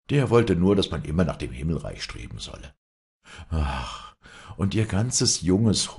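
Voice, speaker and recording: A man reading an audiobook in an expressive storytelling manner. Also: rumbling low, breathy edge. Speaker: narrator.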